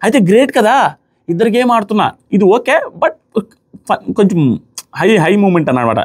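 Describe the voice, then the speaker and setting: A man giving a casual commentary recap of a reality show, quickly acting out what the contestants said. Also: high voice, breathy edge. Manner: rapid animated recap, acting out contestants' words. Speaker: show reviewer.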